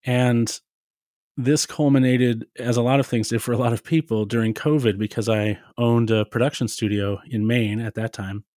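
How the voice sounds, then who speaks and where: A man's voice: mid-range voice, steady tone, normal speed, a little mellow, dry recording, clean studio sound. A man talking casually and self-deprecatingly as a podcast guest, telling his own story.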